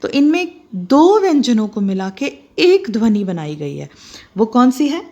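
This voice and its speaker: Speaking fairly high and very animated yet unhurried, the middle-aged Hindi teacher has a dark tone, captured in lo-fi sound. In this handwriting lesson for children, she spells letters out one by one with patient explanations.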